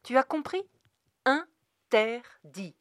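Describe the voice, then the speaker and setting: A woman's voice: mid-range voice, expressive, normal speed, no echo, clean studio sound, natural voice. A woman reading a stern strict father. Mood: stern, shouting. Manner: commanding, rising to shouts.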